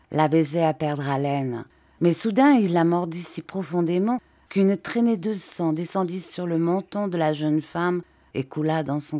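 Low, slow woman reading a story. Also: mellow. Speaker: reader. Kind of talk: literary audiobook narration.

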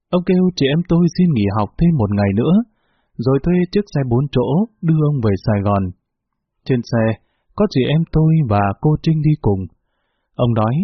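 Male storyteller, husky voice, thin phone-like recording with faint music underneath. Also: mid-range voice, no room sound. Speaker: narrator. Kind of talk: storytelling narration.

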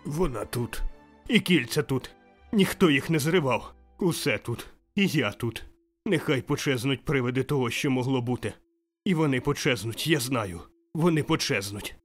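A man's voice: medium pitch, normal speed, voice pushed up, natural voice. Man playing an overjoyed old Scrooge. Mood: giddy, exultant. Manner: exclaiming, breathless, laughing. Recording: faint music behind.

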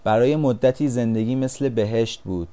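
Mellow-voiced male audiobook narrator. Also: mid-range voice. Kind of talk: scripted storybook narration.

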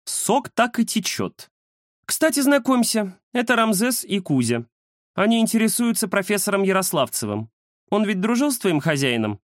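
Storybook she-cat, high, brisk and commanding, played by a male reader. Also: very animated, dry recording, studio quality. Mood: teasing. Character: bold bossy female cat.

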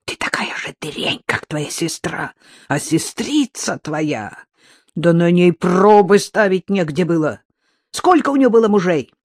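A narrator voicing a spiteful elderly mother-in-law who scolds in a shrill, outraged voice. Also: lively intonation, a little slow, no echo, clean studio sound. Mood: venomous. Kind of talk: audiobook character voice.

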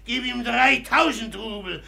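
A drunken, brawling rich suitor. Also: male voice, very high voice, a little slow, vocal fry, a crowd in the background, heavily acted. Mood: boasting. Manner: drunken boasting, shouting and laughing. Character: drunken wild rich man, loud and impulsive. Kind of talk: radio drama acting.

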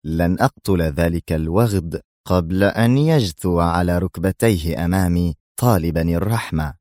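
A man's voice: sits low, moderate pace, a little mellow, no echo, studio quality, lightly acted. A man voicing an angry older general and tyrant who speaks through clenched, seething fury.

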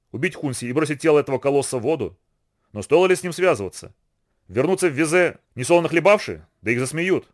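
Male audiobook narrator, fast, lively pitch, expressive read. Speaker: audiobook reader. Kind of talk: scripted narration of a novel.

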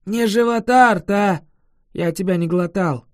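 A reader voicing a chatty, boastful male dragon who huffs and protests loudly in an audiobook. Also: medium pitch, a little slow, no echo, studio quality, lightly acted. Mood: indignant. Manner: indignant, emphatic, loud. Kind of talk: audiobook character voice.

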